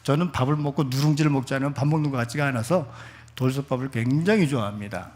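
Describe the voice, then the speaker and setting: A man's voice: mid-range voice, fast, darkish tone. A middle-aged male pastor preaching a Sunday sermon at a church service. He talks in a chatty way and puts questions to the congregation. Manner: leads the congregation in reading scripture aloud.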